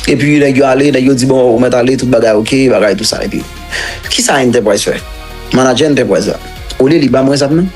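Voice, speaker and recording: A man's voice: mid-range voice, fast talker, darkish tone, faint music behind. A man from Haiti with a Haitian accent, recounting his own story as an interview guest in a rambling, repetitive way and mixing languages.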